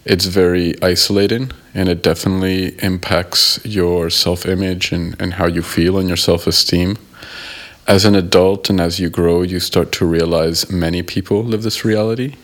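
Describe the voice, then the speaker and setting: A man from the United States, a guest in an interview, answering in a thoughtful, measured way and pausing to rephrase. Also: deep voice. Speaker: guest, member of an art collective.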